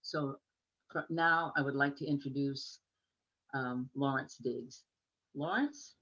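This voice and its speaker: An older woman speaking over a video call that sounds dull and lo-fi. She talks in a gracious, measured way, now and then restarting a word. She introduces the poets and explains how the evening will run. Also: extremely low pitch, steady tone, fairly bright tone. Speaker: poet and co-host. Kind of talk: introductions at a poetry reading.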